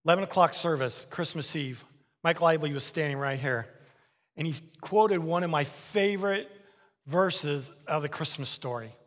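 Animated male pastor preaching in a reverberant hall. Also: on the high side, normal speed. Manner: animated, acts out little dialogues, repeats for emphasis. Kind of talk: sermon. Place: church sanctuary. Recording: long reverb of a large hall.

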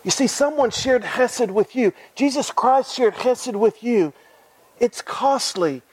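A man's voice: very high-pitched, expressive, slow, breathy edge, no room sound, low-quality recording. A man preaching a sermon in an earnest way, repeating phrases and asking his listeners direct questions.

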